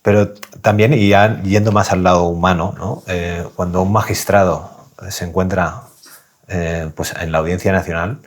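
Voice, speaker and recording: A man's voice: low-pitched, fairly even intonation, moderate pace. A man hosting a podcast interview, framing his questions with hesitations and fillers. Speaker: podcast host.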